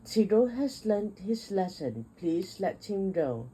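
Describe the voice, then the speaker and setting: Woman reading as a calm, kind friend. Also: mid-range voice, takes it slowly, slight background noise. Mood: gentle.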